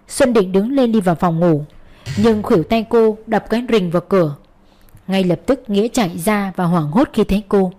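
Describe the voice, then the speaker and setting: A woman's voice: mid-range voice, darkish tone. Woman narrating a romance audiobook. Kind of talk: scripted narration of a romance story.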